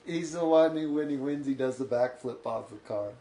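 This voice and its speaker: A man, a coach who trains athletes, talking in a relaxed, matter-of-fact way as a podcast guest in his home office. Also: mid-range voice, moderate pace, roomy sound. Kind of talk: casual podcast conversation.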